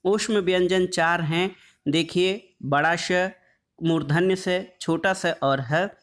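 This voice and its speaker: Man, fairly high voice, exam tutor, quiz question then explanation, stretches out letter sounds. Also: fairly even intonation, a bit bright. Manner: draws out sounds slowly when listing letters; calls the audience "friends". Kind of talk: exam-prep lesson.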